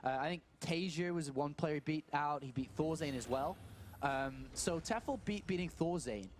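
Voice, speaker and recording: A man casting a live strategy game match, thinking aloud in quick questions and answers. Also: fairly high pitch, slight background noise. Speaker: esports caster.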